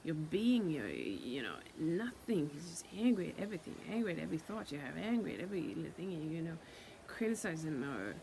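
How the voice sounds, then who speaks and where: A woman telling her own story in a casual, halting way, with lots of fillers, restarts and swearing, and repeating words for emphasis. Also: deep voice, big pitch swings, gravelly, darkish tone, a little hiss or hum.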